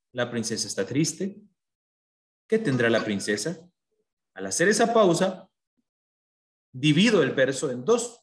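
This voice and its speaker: Patient male teacher. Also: fairly high pitch. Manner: explains patiently, checks understanding with questions. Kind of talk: online class lesson.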